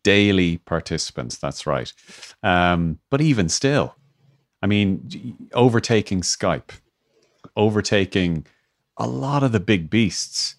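A man's voice: sits low, expressive, slow, no echo, studio quality. A man, interviewing casually and rephrasing as he goes.

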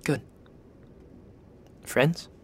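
An actor playing a blunt, sarcastic young prince who talks in slang and swears freely. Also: male voice, very slow. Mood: teasing.

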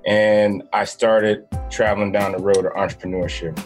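A middle-aged man, a retired veteran, answering interview questions in an easygoing, slightly halting way. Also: lowish voice, flat delivery, soft background music. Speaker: podcast guest, veteran.

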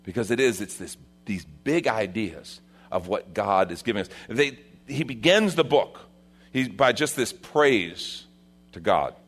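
A church's senior pastor preaches a sermon at a pulpit microphone in a conversational style, rising for emphasis and dropping low for quieter points. He is expressive and unhurried.

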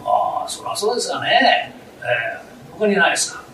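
Brash young dad, played by a male storyteller, high and bouncy, echoey distant hall. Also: very animated, normal speed, pushed and bright, heavily acted. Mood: eager. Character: eager, rough-spoken young father, a common tenement man. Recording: roomy, noisy recital hall from afar.

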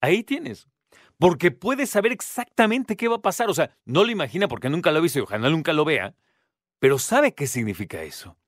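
A man's voice: fairly high pitch, sing-song, a little fast, no echo. Mexican man, close dry mic. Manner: acts out children's voices in anecdotes. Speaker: podcast host. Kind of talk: casual talk to the listener.

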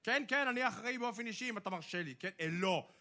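An actor playing a self-important senior official in a radio comedy sketch, pompous, officious and evasive. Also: male voice, high-pitched, expressive, sharp tone.

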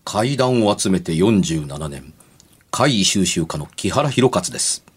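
A man's voice: low-pitched, lively intonation, unhurried, breathy edge. A man in his sixties with a Kansai accent, commenting casually as a radio show regular. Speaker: ghost-story collector and radio show regular.

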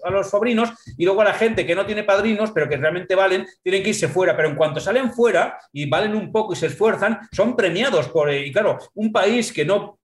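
A man from Spain recounts his travels as an interview guest, in a fairly high voice. He rambles frankly and leans on fillers and tag questions. The room around him sounds noticeably echoey. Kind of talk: casual radio interview storytelling.

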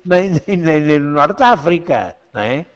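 A man's voice: on the high side, very animated, normal speed. A man, a Jesuit priest, talking earnestly in an interview, often repeating words as he goes. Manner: earnest, repeats words, quotes sermons aloud. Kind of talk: conversational interview. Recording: dull lo-fi sound with long reverb.

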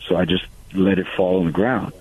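A man's voice: deep voice, steady tone, fairly quick, slight background noise. A man calling in to a radio show over the phone, talking in a hesitant, rambling way with lots of fillers. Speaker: caller. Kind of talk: call-in radio conversation. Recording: tinny phone line on radio.

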